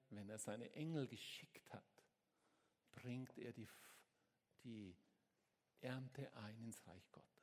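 A man preaching a sermon as a pastor, swinging between hushed words and sudden shouts to his congregation. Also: mid-range voice, long reverb tail. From Switzerland.

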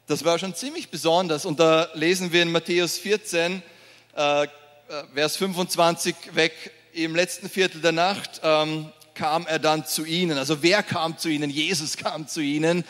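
Lively preacher in a hall. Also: male voice, fairly high pitch. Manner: lively, laughs often, acts out scenes. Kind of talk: sermon. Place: church hall. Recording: reverberant hall.

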